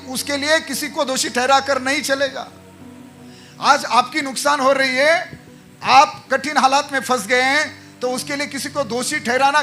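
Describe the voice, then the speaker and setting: A man's voice: very high voice, sharp tone. A man preaching a sermon as pastor, exhorting the congregation with repeated rhetorical questions.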